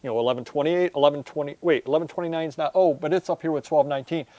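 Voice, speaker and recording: A man's voice: on the high side, very fast, darkish tone, no room sound. A man in his forties talking conversationally to viewers as a host, explaining step by step with examples on a lapel mic. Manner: explanatory, addresses viewers, works through examples. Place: indoors, large warehouse storage aisle.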